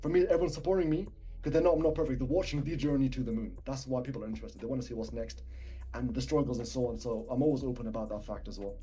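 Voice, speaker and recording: A young man from Palestine, raised with Arabic as well and speaking with a British accent, talks casually as a rapper guest on a podcast interview. He's soft-spoken and a little mumbly, swallowing words at rapid-fire speed in a medium-pitched voice with fairly even intonation. The audio is poor, with faint background music.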